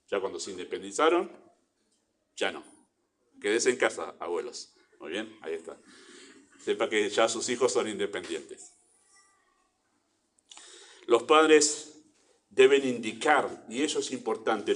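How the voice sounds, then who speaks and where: A man with an Argentine Spanish accent delivers a sermon in a church. His voice sits a little low, and he preaches earnestly, swelling into emphatic bursts and then falling back to quiet asides. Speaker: pastor.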